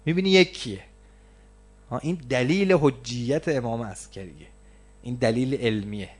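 In this religious sermon, the male preacher moves back and forth between forceful, stressed phrasing and low, drawn-out words, slowing down on key terms to emphasize them.

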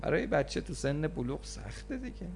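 Man preaching with slow emphatic repetition. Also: on the high side, vocal fry, slightly rough. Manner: slow, emphatic repetition, rising to animated storytelling. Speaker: preacher and counselor. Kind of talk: religious talk with anecdote.

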